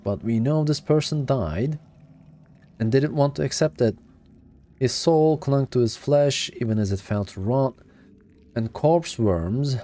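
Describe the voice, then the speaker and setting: A man reading aloud as a calm, menacing creature made of worms that speaks of itself as "we". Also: mid-range voice, close to an everyday voice. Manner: cold, unhurried, speaks as "we". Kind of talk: reading game dialogue aloud.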